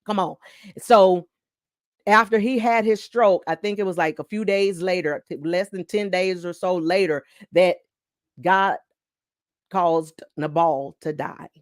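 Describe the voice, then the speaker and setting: A woman host giving an inspirational devotional talk in a fast, exhorting, preachy manner. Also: lowish voice, no echo, clean studio sound.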